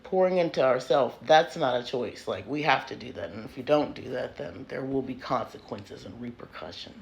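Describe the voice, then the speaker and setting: A frank, chatty woman in a casual tarot vlog, swinging from loud, animated bursts down to hushed whispers. The recording has clear background noise and comes from a phone propped up at home. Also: a bass voice, moderate pace. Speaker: tarot reader.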